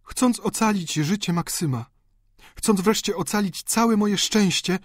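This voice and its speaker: A man's voice: sits high, a little slow, dry recording, studio quality, pitched above the performer's own voice. A man reading an audiobook, voicing a distraught young noble countess who pleads in emotional outbursts. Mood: desperate.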